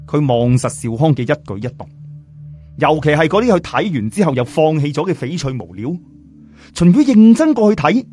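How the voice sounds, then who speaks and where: An audiobook storyteller tells a tale in colloquial, Cantonese-accented speech, theatrical and animated, voicing different characters. His voice sits on the high side with a darkish tone.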